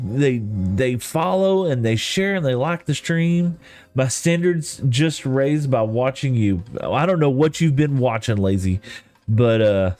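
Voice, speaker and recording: During a casual game livestream, a man from East Texas rambles in a folksy, self-deprecating way, his Texan accent clear. His voice is mid-range with no room sound, and soft lofi music plays in the background.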